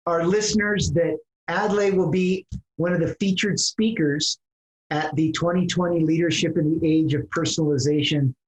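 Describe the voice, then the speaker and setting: A man's voice: fairly high pitch, steady tone, moderate pace. Earnest man hosting, echoey room. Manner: earnest, effusive. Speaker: podcast host. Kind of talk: casual interview wrap-up.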